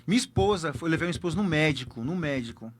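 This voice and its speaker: A man's voice: a little high, expressive, racing. A man with a Brazilian accent, a pastor telling a personal testimony emphatically and repeating key words for effect.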